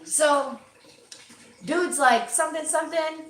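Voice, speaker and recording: A young adult woman from Florida telling a story in casual chat, animated, cursing freely and acting out the voices of the people in it. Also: sits high, takes it slowly. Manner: animated, swears freely, acts out quoted voices. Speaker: co-host. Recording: roomy echo.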